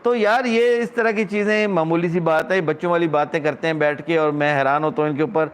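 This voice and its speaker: A middle-aged man from Pakistan talks straight to his audience in a loose vlog monologue. His voice sits high for a man. He rants, sounding indignant and scornful. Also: steady tone, clear, resonant tone. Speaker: vlogger. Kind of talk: casual monologue.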